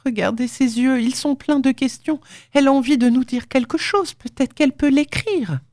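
A woman voicing a soft, emotional young woman full of pity in an audiobook. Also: sits high, normal speed, no room sound, studio quality, pitched above the performer's own voice. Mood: anxious pity. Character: tender, tearful young woman.

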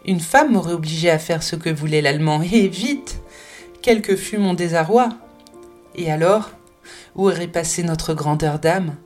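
A woman's voice: on the low side, moderate pace, a little mellow, faint music behind, close to an everyday voice. A woman voicing a spirited, passionate French woman in an audiobook, talking emphatically and with many exclamations. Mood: emphatic. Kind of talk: audiobook character reading.

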